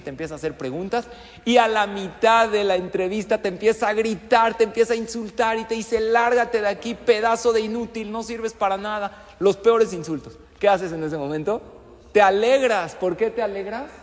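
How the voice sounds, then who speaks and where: A high-pitched man delivers a motivational talk, acting out little scenes and putting questions to his listeners. His voice rings out with a long, hall-like reverb. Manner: animated, acts out scenes and asks the audience questions. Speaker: speaker addressing an audience.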